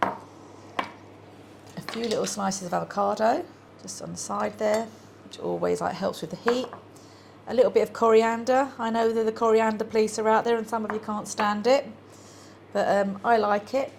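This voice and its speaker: Lady rambling thru a recipe in her kitchen, lots of ums, kinda fry-ish voice, noisy background. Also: on the high side, steady tone, normal speed, darkish tone. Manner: chatty, rambling, self-deprecating, many ums. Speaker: cooking show host. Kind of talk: casual cooking demonstration.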